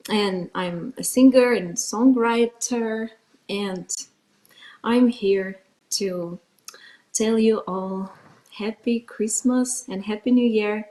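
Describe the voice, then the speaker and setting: A woman from Russia with a Russian accent, a guest singer chatting in an interview and pausing often with fillers. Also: medium pitch, warm tone, low-quality recording. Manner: hesitant, many fillers. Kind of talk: casual interview chat.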